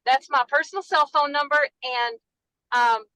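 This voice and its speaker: A woman's voice: high voice, moderate pace, sharp tone, no room sound, rough recording. A woman with a Dallas Texas accent, calling in by phone while driving, chatting effusively and apologizing for interrupting. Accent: Texan (Dallas). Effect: calling in by phone while driving a car. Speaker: caller, notary. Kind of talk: casual chat on a video call. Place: in a car.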